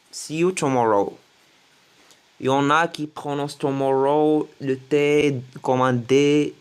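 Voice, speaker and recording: A man teaching English greetings to French speakers, slowly repeating each phrase several times. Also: fairly high pitch, clean tone. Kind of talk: French-language English lesson.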